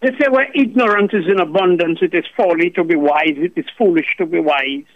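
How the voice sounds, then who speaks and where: A man's voice: high voice, a little fast. A man calling in to a radio show, preaching and firing off rhetorical questions. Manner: preachy, repeats the host's name, rhetorical questions. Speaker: caller. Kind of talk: impassioned call-in rant. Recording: muffled phone line.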